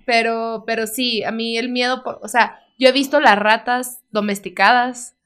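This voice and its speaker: A young woman from Mexicali, co-hosting a podcast, telling stories in a slangy, animated way. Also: on the high side, normal speed, smooth. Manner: slangy, animated storyteller who acts out voices. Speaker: podcast co-host. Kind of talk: casual chat, storytelling.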